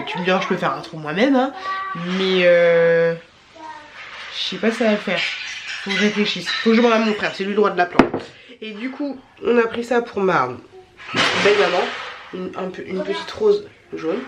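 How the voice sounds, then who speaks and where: A woman vlogger talks in a nasal, stuffed-up voice that sounds tired. She chats casually and rambles, with plenty of fillers and repeated words, in a middle pitch. A faint background noise sits under her voice. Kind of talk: casual chatty haul vlog.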